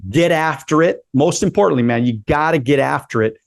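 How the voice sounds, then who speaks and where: A man's voice: fairly high pitch, fairly quick, vocal fry, dry recording. Upbeat man hosting, turning fifty. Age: 40s. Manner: upbeat, encouraging, repeats words often. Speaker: podcast host. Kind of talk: casual interview chat.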